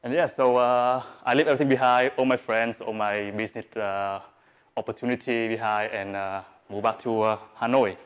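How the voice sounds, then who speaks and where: A man speaks English at a live presentation. He hesitates a lot, filling gaps with "uh" and "um" and restarting phrases. His voice sits in an ordinary middle pitch. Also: steady tone, moderate pace, clean tone. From Vietnam. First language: Vietnamese. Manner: hesitant, many fillers and restarts. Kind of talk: live talk on stage. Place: event hall with audience.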